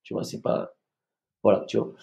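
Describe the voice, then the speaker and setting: A man from Madagascar telling a personal story as a podcast guest, halting and repeating words, acting out the people he quotes. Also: mellow, muffled recording.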